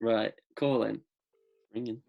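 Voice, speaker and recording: A man's voice: on the low side, steady tone, slow, creaky, phone-quality sound. A man hosting a podcast in casual chat, jokey and teasing. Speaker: podcast host.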